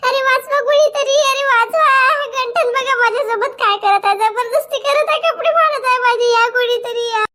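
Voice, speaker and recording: A woman acting a scheming village wife in a comedy sketch, coaxing in a slow, drawn-out voice with a questioning "hm?" after her lines. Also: very high-pitched, darkish tone. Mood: screaming. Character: scheming village wife, seductive then screaming.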